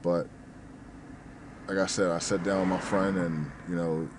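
Rambling and stumbling over his words, a New Jersey-raised restaurant manager and fitness vlogger in his thirties leans on fillers and swears offhandedly. His voice is very deep and low-pitched, slightly mumbled, flat and a little slow. A faint hum runs underneath.

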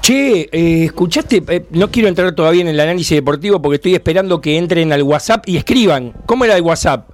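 A man with a Rioplatense Spanish accent hosting a casual, jokey fan radio show, fast-talking and excitable. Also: a little high.

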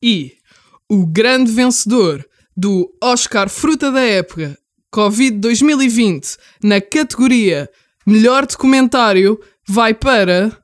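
A woman with a European Portuguese accent formally announcing awards in a scripted, drawn-out way with pauses. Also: on the high side, animated, no echo, clean studio sound. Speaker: awards presenter.

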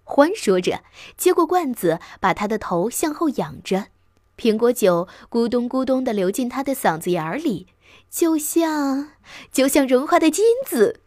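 A woman's voice: a little high, very animated, moderate pace, a little mellow, no echo, studio quality. A woman doing a hearty, enthusiastic badger. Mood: blissful. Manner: exclaiming, delighted.

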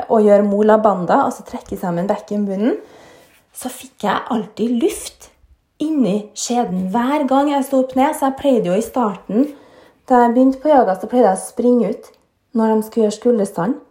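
A woman's voice: medium pitch, mellow. A woman yoga teacher telling personal stories in a casual, frank monologue, often checking in with little tag questions. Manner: chatty, frank, often tags lines with "sant?". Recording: roomy echo.

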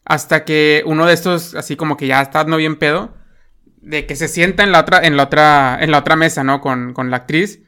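A man with a Mexican accent talks through a favorite film scene in loose, rambling chat, leaning on fillers and tag questions. His voice sits a little high and comes across bright and crisp. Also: fairly even intonation, brisk. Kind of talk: casual film discussion.

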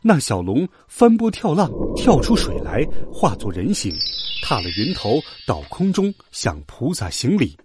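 A man narrating a children's story with expressive, lively storytelling. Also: medium pitch, a little slow, over music.

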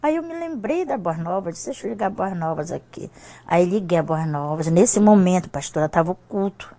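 A woman's voice: fairly low pitch, lively intonation, a little fast, mellow. An older woman giving an emotional personal testimony as a guest on a church talk show. She often repeats herself, and her voice rises when she is moved.

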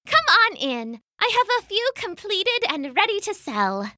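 A woman's voice: very high-pitched, sing-song, a little slow, bright, forceful tone, no echo, studio quality, pitched above the performer's own voice, full character voice. A woman voicing a proud, defiant young female weaver who talks back boldly and scornfully.

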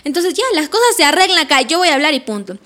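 A woman's voice: sits high, quick pace. A woman, co-hosting a casual chat and telling school stories with frequent laughter. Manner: animated, laughs often while telling anecdotes.

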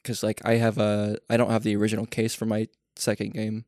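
Young man, podcast co-host, low voice, rambling, excitable, self-deprecating, dry close mic. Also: fairly quick, dry recording. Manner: rambling, enthusiastic, self-deprecating, laughs often. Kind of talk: casual chat.

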